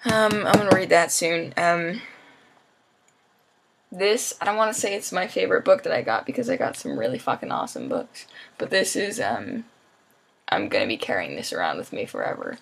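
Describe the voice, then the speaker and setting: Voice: mid-range voice, very animated, normal speed, gravelly, fairly bright tone, a little hiss or hum. A tired young adult vlogger rambling casually, with lots of ums and offhand swearing. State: sleepy and tired.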